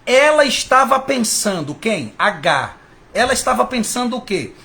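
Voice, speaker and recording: A man's voice: very high voice, very animated, normal speed, gravelly, bright, forceful tone. A man preaching a sermon with fervor, speaking to his listeners as brothers. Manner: fervent, rising and falling, addresses listeners as brothers.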